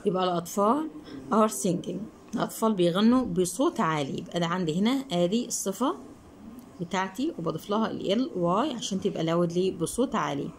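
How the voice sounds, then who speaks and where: A woman's voice: on the low side, expressive, rough recording. Egyptian woman teaching English, faint hiss. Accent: Egyptian Arabic. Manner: asks questions and answers them herself; reads English words slowly, then explains quickly in Arabic. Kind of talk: explaining a textbook lesson.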